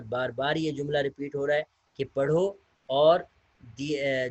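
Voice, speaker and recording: A man's voice: mid-range voice, no echo. Patient male Arabic teacher, dry sound. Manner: reads Arabic sentences aloud, then translates and explains them step by step; patient, instructive tone addressing students. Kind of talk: recorded online lecture.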